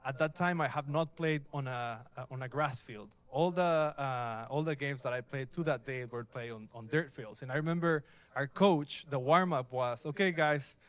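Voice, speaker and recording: This meetup speaker, a young Mexican man in his twenties or so, keeps things casual and upbeat, firing questions at the live audience in the event space. He talks at a normal speed in a medium-pitched, fairly bright voice.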